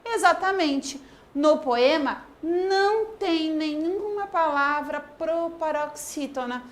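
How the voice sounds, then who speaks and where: A woman teacher from Brazil giving an online grammar lesson, dictating words slowly and asking the class questions. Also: sits high. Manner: slow, drawn-out word-by-word dictation.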